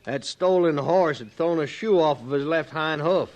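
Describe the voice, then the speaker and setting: A folksy, persuasive American frontier lawman, self-assured yet conciliatory, is played by an actor in an old western radio drama from the 1950s, with plenty of recording noise. His slightly high, slightly mellow voice keeps a normal speed and stays close to everyday speech.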